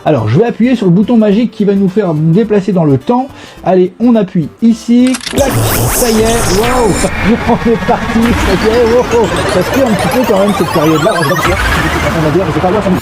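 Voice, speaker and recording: A man's voice: high-pitched, a little fast, over loud music. A middle-aged man with a stuffy cold hosting a casual live gaming stream, chatty, playful and nostalgic. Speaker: host.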